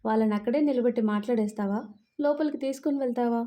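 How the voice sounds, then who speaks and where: A woman voicing a caring, confident young man who speaks in a reassuring, gently teasing way in a Telugu audio story. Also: extremely high pitch, quick pace.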